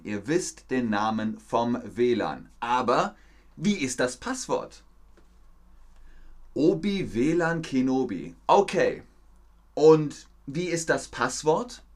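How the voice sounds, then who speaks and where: A man teaching a live-streamed language lesson, repeating words slowly and praising his viewers. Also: mid-range voice. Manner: slow, repetitive, encouraging teacher talk. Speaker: German teacher.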